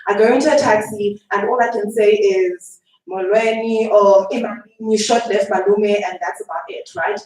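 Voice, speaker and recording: A young woman from Zimbabwe asks an emotional question from the floor, shaky and urgent, talking fast. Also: medium pitch, a little mellow. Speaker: audience member asking a question. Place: lecture hall at a public event. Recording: echoey hall, far from mic.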